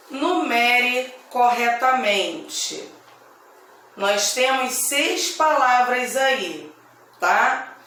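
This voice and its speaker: A woman teacher with a Brazilian accent giving a grammar lesson to children, speaking slowly and deliberately and repeating each word. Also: a little high, a bit bright, distant mic, slight background noise. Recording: echoey room, voice away from mic.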